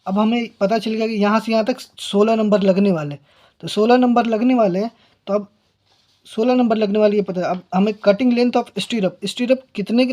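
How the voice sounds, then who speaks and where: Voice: medium pitch, warm tone. A tutor explaining engineering calculations step by step, often repeating numbers and phrases while working through them.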